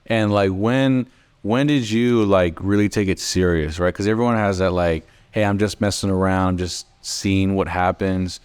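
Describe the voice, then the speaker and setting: A man's voice: low-pitched, steady tone, normal speed, a little mellow, clear, resonant tone. A man co-hosting a podcast, asking probing questions and often checking in with "right?". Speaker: podcast co-host. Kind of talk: casual podcast interviewing.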